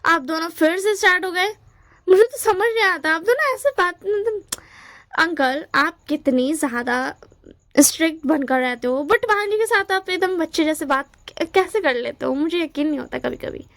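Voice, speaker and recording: Woman voicing a gently pleading older brother. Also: extremely high pitch, animated, moderate pace, dry recording, exaggerated voice. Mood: coaxing.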